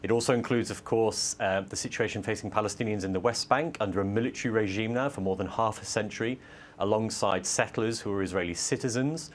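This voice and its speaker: A male author arguing his case as a debate guest, measured, with frequent hesitations. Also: lowish voice, a little hiss or hum. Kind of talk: studio debate.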